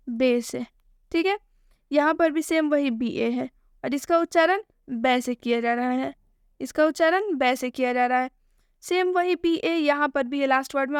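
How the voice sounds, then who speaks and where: A woman's voice: high-pitched, dry recording, studio quality. A woman teacher gives a pronunciation lesson over on-screen words, posing questions and answering them herself. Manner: repeats key points as questions and answers them. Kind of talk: screen-based video lesson.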